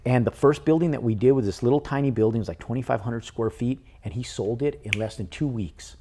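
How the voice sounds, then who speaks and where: A man in an interview who tells his story casually, animated and with casual swearing. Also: mid-range voice, fast talker. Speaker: podcast guest, real estate investor.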